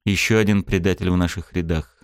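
A man narrating a first-person story in a steady, tense storytelling manner, recorded close in a studio. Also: low-pitched, fairly quick, smooth, no room sound. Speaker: audiobook narrator.

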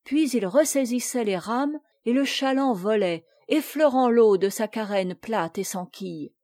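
A woman narrating a classic tale as an audiobook reader, reading in a slow, measured way and voicing the dialogue. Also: on the high side, lively intonation, a little mellow, no room sound, studio quality.

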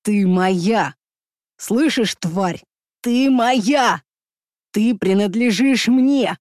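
A woman's voice: on the low side, unhurried, a little mellow, dry recording, studio quality, pitched below the performer's own voice, natural voice. A woman voicing a brutal, obsessed young male kidnapper who hisses and snarls threats. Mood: furious.

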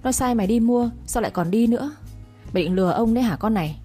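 A woman's voice: a little high, animated, fast talker, dark tone, slightly rough, faint music behind, voice pushed up. A woman voicing a stern, harsh old master of the house who barks questions.

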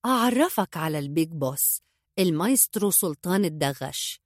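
A woman's voice: deep voice, lively intonation, brisk, dry recording, clean studio sound. A woman voicing a flamboyant, boastful young gangster man with an Egyptian accent, reading a storybook. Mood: smooth pitch. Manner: boastful, showy, eager.

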